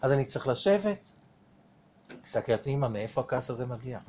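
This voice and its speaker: Husky-voiced man teaching Torah. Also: medium pitch. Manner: rhetorical questions to listeners, lively explaining. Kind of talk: weekly Torah portion lesson.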